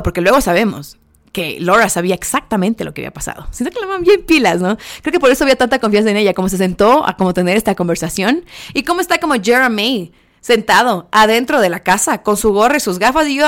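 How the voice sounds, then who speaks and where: A young woman chats through a casual vlog review of a reality show. She keeps checking in with "¿ok?", calls her viewers friends, and drops English words into her sentences. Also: mid-range voice. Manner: chatty, keeps asking viewers "¿ok?"; sprinkles English words into speech.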